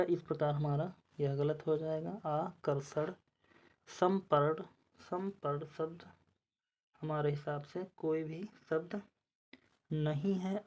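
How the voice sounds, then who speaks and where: A woman teacher with a low, mellow voice explains exam spelling quiz answers without hurrying. She repeats each word while checking it, working methodically through every option. The audio is slightly dull and lo-fi.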